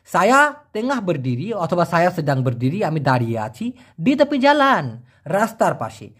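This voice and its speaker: A man talks through a casual language lesson. His pitch swings up and down lively as he repeats each phrase slowly, then translates it. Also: breathy edge. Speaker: Malay language teacher.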